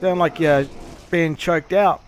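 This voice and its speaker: A man streaming a game, chatting casually and explaining things with swearing and halting pauses. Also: fairly high pitch, fairly even intonation, slight background noise, low-quality recording. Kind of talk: casual gameplay commentary and chat.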